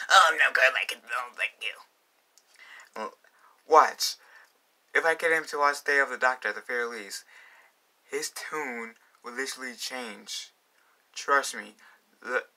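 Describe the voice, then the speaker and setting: A man's voice: medium pitch, pushed and bright. A young man talking casually in a fan vlog, rambling with many fillers and restarts. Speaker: vlogger.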